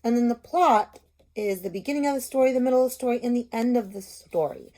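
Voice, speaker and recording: A warm-toned woman in her thirties, speaking as a teacher, reads a storybook to children at home and walks them through it step by step. Her voice is a little high and her pace quick. The setting is a small room at home.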